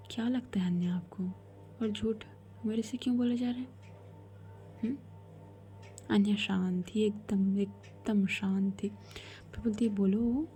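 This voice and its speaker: A woman's voice: a little high, gravelly, dark tone. A woman storyteller telling a romance in a casual, chatty way as a whispered role-play, voicing both heroines' lines herself.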